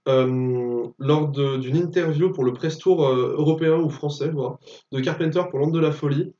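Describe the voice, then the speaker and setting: A blunt, opinionated man chatting casually about films on a podcast. His voice sits a little high and is picked up from a distance. The room is echoey and the recording is dull. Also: moderate pace, dark tone. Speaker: podcast co-host. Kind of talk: casual film podcast chat.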